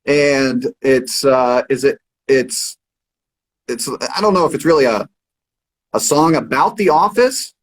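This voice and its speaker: A man's voice: mid-range voice, unhurried, low-quality recording. A man hosting a casual radio livestream interview, easygoing and full of fillers and agreeing noises. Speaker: radio host.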